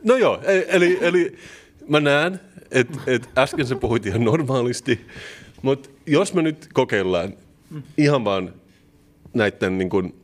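A man's voice: medium pitch, expressive, pauses often, slight background noise. A man co-hosting a comedy podcast, bantering in a dry, playful way. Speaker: podcast co-host. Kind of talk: casual comedic podcast chat.

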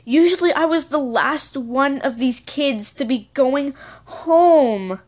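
A woman's voice: high voice, expressive, slow, darkish tone. A woman telling a childhood story in a casual, rambling episode, correcting herself and adding chatty asides.

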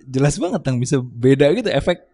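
A man with hosting a podcast, chatty and teasing, reacting with quick comments. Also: mid-range voice, big pitch swings, mellow, no room sound, studio quality. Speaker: podcast host. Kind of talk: casual podcast chat.

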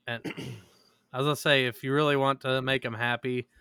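A man's voice: mid-range voice, little pitch movement, moderate pace, gravelly, pushed and bright, smooth, no room sound. A man co-hosting a podcast, chatting casually with crude, profane jokes and a rambling, laughing manner. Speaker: podcast co-host.

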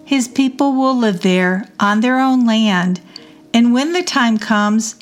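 A woman reading psalms aloud in a measured devotional reading. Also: on the high side, animated, soft background music. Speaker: scripture reader.

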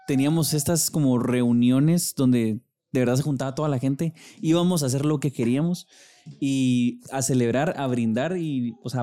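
A young man talks in a loose, rambling way, leaning on filler words. His voice is dark and mellow at a middle pitch. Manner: rambling, many fillers like "o sea". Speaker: podcast co-host. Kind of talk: casual chat.

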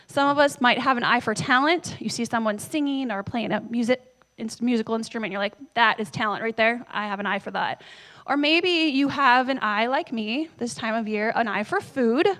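A woman's voice: sits high, fairly bright tone. Woman pastor, chatty handheld-mic sermon. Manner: conversational, tells family stories, asks the audience questions. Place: church. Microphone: handheld microphone.

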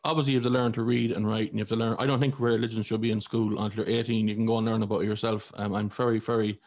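A man's voice: fairly low pitch, little pitch movement, very fast, a little mellow. An Irish man in his forties hosting a podcast, talking bluntly and heatedly and swearing freely. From Ireland. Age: 40s. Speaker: podcast host. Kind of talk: casual conversation.

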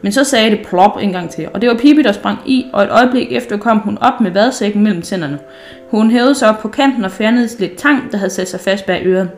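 A woman reads a children's story aloud in a gentle, unhurried way. Her voice sits at a middling pitch, and she stumbles and restarts now and then. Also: slight background noise. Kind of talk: reading a children's book aloud.

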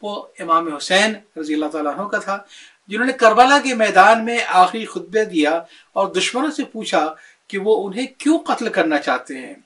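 A man retelling a memoir as casual talk, animated, acting out the quoted dialogue. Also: high-pitched, far from the mic.

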